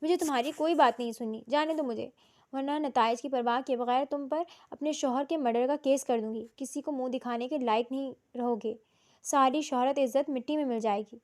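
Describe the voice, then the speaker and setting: A woman narrator voicing a grieving young widow who shouts tearful accusations. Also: high-pitched, natural voice. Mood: furious.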